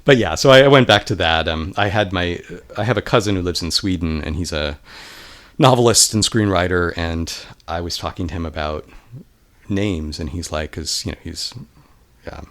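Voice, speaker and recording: A man, a musician guest in a casual interview, talking in a relaxed, rambling way with self-deprecating humor. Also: low voice, normal speed. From California, United States.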